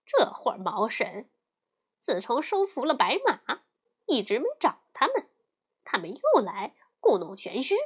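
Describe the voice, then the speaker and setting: A woman's voice: a little high, huge pitch swings, a little slow, breathy edge, exaggerated voice. A woman voicing a cheeky, confident male monkey king in a children's storybook reading, talking curtly. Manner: curt, scolding, confident.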